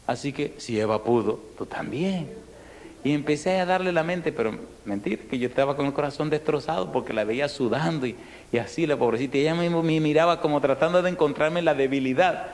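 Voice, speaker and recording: Animated preacher in an echoey hall. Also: male voice, on the high side, fast talker. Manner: animated, acts out dialogue, drops to near whisper. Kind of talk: storytelling sermon. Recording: echoey hall, faint background noise.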